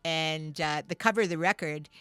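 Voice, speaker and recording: Low-voiced woman, rambling stories. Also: normal speed, a bit bright, clean tone, no room sound. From Canada. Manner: rambling storyteller, lots of fillers and restarts. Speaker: guest musician and writer. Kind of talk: casual studio interview. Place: radio studio.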